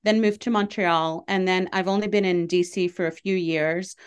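A woman's voice: fairly low pitch, fairly even intonation, normal speed, clear, resonant tone. A middle-aged woman from Lebanon, a comedian, answering interview questions in an earnest, chatty way with many fillers and easy laughs. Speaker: comedian and show producer.

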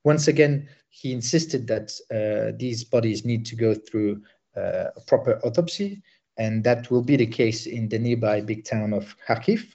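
Bosnian-born male war correspondent, halting field report, dark voice over a dull line. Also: medium pitch, expressive, gravelly. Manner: halting, many fillers and restarts.

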